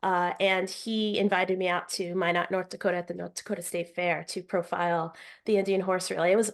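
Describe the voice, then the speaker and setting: A middle-aged American woman, a travel writer guest, telling stories in an animated way with frequent fillers. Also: lowish voice, a little fast. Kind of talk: casual interview chat.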